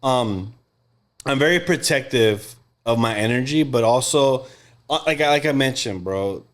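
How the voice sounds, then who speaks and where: A man's voice: mid-range voice, lively intonation, unhurried, fairly bright tone. A man in his thirties, a tattoo artist talking as a podcast guest in a laid-back, slangy way. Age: 30s. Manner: laid-back slangy talk, says bro often. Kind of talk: casual chat.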